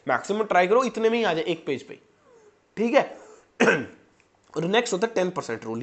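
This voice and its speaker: Young guy coaching exam kids, chatty and direct, highish voice. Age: 20s. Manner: chatty, direct, addresses students as "janab" and "bhai". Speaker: medical student teaching exam prep. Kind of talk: casual exam-prep coaching talk.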